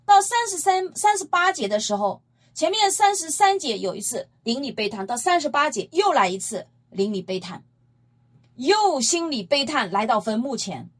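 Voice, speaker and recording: A woman's voice: high voice, moderate pace. A woman preaching a Bible-teaching sermon, retelling scripture emphatically and posing rhetorical questions to her listeners. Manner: emphatic, lively storytelling.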